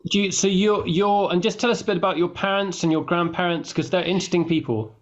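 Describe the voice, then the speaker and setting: Halting male interview host, slightly high. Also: fairly even intonation, highs cut off. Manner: halting, restarts often when asking questions. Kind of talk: scripted intro then casual interview.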